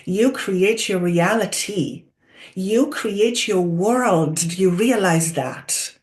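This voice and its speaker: A person voicing a channeled collective of wise spirit guides, like a seance medium in trance, deliberate and oracular with drawn-out emphasis and rhetorical questions. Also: mid-range voice, lightly acted. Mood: solemn, assured. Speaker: channeler speaking as a council of spirits.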